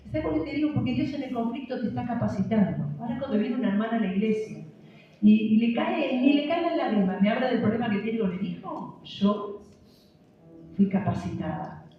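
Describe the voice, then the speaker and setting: A middle-aged Argentine woman pastor preaches with a Rioplatense Spanish accent, swinging between hushed asides and loud outbursts. She is heard from far off in a church hall with a long, ringing echo. The sound is dull and lo-fi, with a faint hiss. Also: fairly high pitch, animated, brisk. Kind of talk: sermon with personal testimony.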